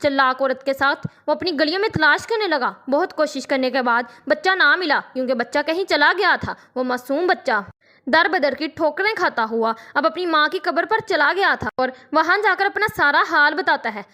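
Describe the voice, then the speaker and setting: A woman's voice: sits high, bright, forceful tone. A woman narrating a moral storybook tale in an earnest, dramatic manner.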